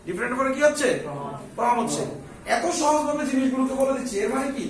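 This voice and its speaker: A man's voice: very high-pitched, expressive, fast talker, reverberant, far from the mic, slight background noise, low-quality recording. A man tutoring a live English class, coaxing his students and repeating his questions back to them.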